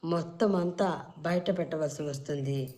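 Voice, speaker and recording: A woman playing a bossy, sharp-tongued young bride. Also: medium pitch, sing-song, normal speed, lightly acted. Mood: threatening. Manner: commanding, threatening, curt.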